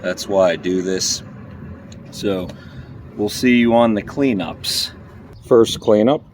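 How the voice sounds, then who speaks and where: A man, vlogging casually as he metal detects in a public park, excitable and chatty as he calls out his finds. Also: lowish voice, slow pace, background noise. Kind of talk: casual vlog narration while detecting.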